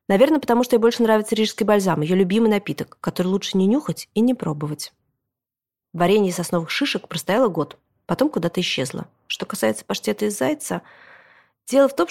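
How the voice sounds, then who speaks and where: Woman reading a children's storybook. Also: medium pitch. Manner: lively, expressive reading of a boy's first-person story. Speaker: audiobook reader. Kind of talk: storybook narration.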